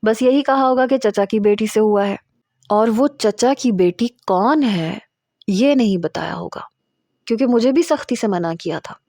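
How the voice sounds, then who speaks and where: A woman's voice: on the high side, mellow, no echo, clean studio sound. Woman reading a romance novel aloud. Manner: confiding, storytelling delivery. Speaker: audiobook narrator.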